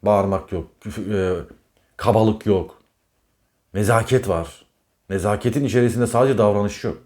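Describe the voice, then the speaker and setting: A man's voice: lowish voice, moderate pace, a little mellow. Emphatic man lecturing on zodiac signs. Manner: emphatic and repetitive, scolding the listener directly. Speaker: astrologer. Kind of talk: casual monologue on zodiac signs.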